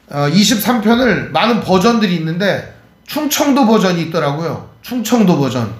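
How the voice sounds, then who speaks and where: A middle-aged man from Chungcheong preaching as a pastor, emphatic and full of rhetorical questions to the congregation. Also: high-pitched. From Cheonan, Chungcheong, South Korea. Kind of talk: sermon. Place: church sanctuary. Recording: echoey church sanctuary.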